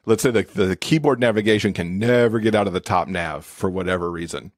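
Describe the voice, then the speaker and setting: Interviewed as an expert podcast guest, a man who is an accessibility specialist and author explains things conversationally with everyday examples. His deep voice moves fairly quickly, captured in a dry, clean studio recording.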